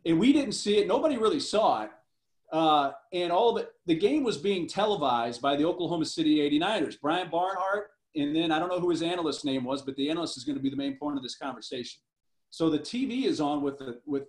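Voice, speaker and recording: A man's voice: a little high, roomy sound. A man telling a casual, rambling anecdote about his broadcasting days, acting out the voices of the people in it. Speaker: former minor league baseball broadcaster. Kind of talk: casual storytelling.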